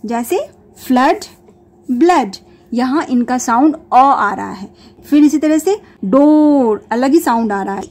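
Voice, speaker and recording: A woman giving a phonics lesson for parents, mixing Hindi and English and drawing out each example word slowly. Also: high-pitched, a little mellow. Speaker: teacher for parents.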